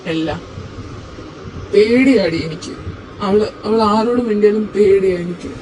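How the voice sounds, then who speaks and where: A man playing a heartbroken young husband in a home audio drama, talking haltingly with his voice rising and breaking. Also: high voice, a little mellow. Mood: hurt. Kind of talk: amateur audio drama acting. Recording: noisy home recording.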